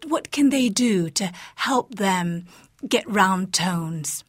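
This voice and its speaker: A woman's voice: mid-range voice, animated, slow pace, breathy edge, no echo, clean studio sound. A woman interviewer who asks questions chattily, often filling in with "you know".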